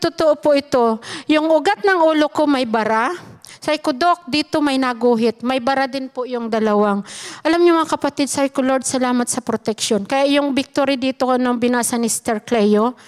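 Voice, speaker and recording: Speaking in a high voice, a Filipino woman delivers a heartfelt testimony about her own life to a church gathering, pressing her points with emphasis and repeatedly addressing the crowd as brothers and sisters.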